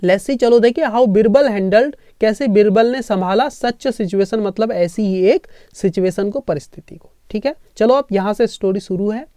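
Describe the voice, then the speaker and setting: A man's voice: high voice, dark tone, dry recording, clean studio sound. A man teaching English through a story, explaining word by word and checking in with listeners as he goes. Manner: keeps checking in with listeners, spells words letter by letter slowly. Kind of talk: explaining a reading lesson.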